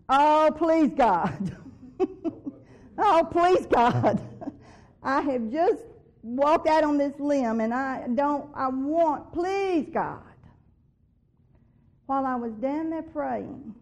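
A woman's voice: high voice, gravelly, darkish tone. A woman giving an earnest personal faith testimony, growing emphatic when she repeats what she believes God told her. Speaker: testimony speaker. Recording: dull lo-fi recording.

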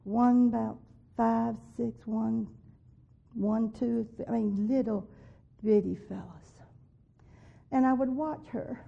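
A woman's voice: a little high, steady tone, takes it slowly, gravelly, pauses often, husky. A woman giving an earnest personal faith testimony, growing emphatic when she repeats what she believes God told her. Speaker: testimony speaker. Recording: dull lo-fi recording.

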